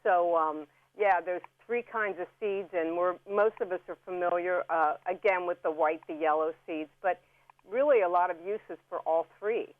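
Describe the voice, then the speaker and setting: Chatty and instructive, a woman guest on a radio show talks about food and plants as an herb and food expert. She speaks at normal speed in a lowish voice with no room sound, coming through a phone-like, narrow-band call.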